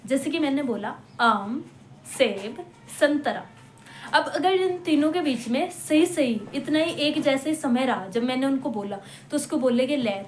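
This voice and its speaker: A woman with a fairly high voice teaches a lesson in a patient, step-by-step way. She repeats example words slowly and keeps checking in with her listeners. The room is echoey, with a faint hum behind her. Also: darkish tone. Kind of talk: classroom-style lecture.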